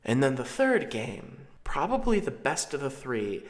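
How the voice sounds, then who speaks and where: A man's voice: mid-range voice, huge pitch swings, measured pace. A man in his thirties gives casual, rambling commentary as a channel host. His delivery is conversational and digressive, and the recording has a strong roomy echo. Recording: roomy, echoing sound.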